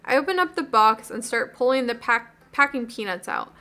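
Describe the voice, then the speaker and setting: A woman's voice: a little high, animated, normal speed, bright, forceful tone. A woman hosting a video game playthrough, reading dialogue aloud expressively with playful asides and commentary. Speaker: video game let's-play host.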